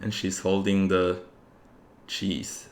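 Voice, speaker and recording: A man's voice: low-pitched, completely flat delivery, slow pace. A man acting as game master, narrating a tabletop fantasy game casually. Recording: roomy, echoing room.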